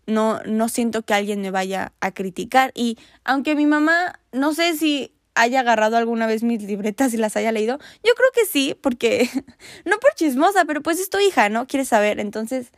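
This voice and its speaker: A young Mexican woman talks to her viewers in a relaxed, chatty way, sharing personal advice and checking in with them as she goes. Her voice sits a bit higher than most and sounds close and dry. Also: moderate pace, no room sound. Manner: chatty and candid, speaks straight to the viewer. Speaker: vlogger. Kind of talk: casual advice talk to camera.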